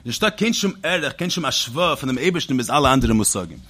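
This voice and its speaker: A man giving a Talmudic-style study lecture, reasoning aloud in rapid, animated bursts with repeats and restarts, and quickly chanting quoted Hebrew texts. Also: mid-range voice. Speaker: teacher.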